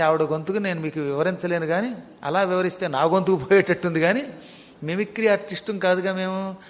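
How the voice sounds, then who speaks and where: Male devotional storyteller, high-pitched, dramatic with humorous asides, recorded in a reverberant hall. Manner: dramatic, slows down for vivid descriptions, joking asides. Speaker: religious storyteller.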